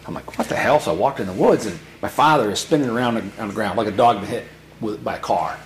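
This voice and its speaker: An older man with a lowish voice, a guest who works as a hunting guide, tells a story fast on a podcast, animatedly acting out the voices. His recording sounds roomy, with faint noise in the space.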